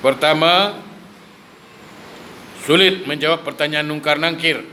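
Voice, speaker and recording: A male preacher gives a lively sermon, firing rhetorical questions at his listeners and mixing in humor. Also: fairly high pitch, measured pace, a little hiss or hum. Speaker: religious preacher.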